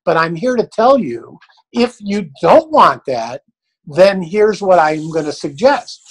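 A man's voice: high voice, big pitch swings, slow, breathy edge, low-quality recording. An older man, a dog trainer, answering questions in a blunt, folksy, plain-spoken way.

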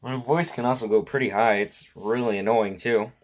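Rambling man vlogger with a lowish voice, heavy on filler words. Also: fairly even intonation, moderate pace. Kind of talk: casual talk to camera.

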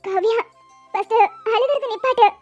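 A woman voicing a caring, calm young woman about to marry, who speaks softly and soothingly. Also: extremely high pitch, normal speed, dry recording. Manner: soft, soothing, concerned. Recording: dull lo-fi audio with music.

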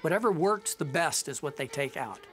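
A man in an interview, telling lively anecdotes and laughing now and then. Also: fairly high pitch, moderate pace, faint music behind. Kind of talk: retrospective interview.

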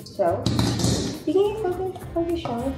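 A young woman with a very high voice that swings widely in pitch speaks a little slowly as she cooks in a large home kitchen, chatting through each step for a casual vlog. Her handheld camera is occasionally set further away, and the echoey kitchen carries background music.

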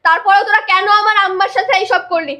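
A young woman playing the wife of an expat worker, who scolds forcefully and insists on being obeyed. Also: very high voice, fairly even intonation, quick pace. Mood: angry. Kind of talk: amateur drama acting.

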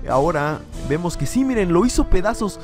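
Guy reacting to a fan comic, high voice, all over the place, music playing loud behind him. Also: fairly quick. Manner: animated, acts out characters' lines with loud yells. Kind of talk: excited reading aloud with voiced lines.

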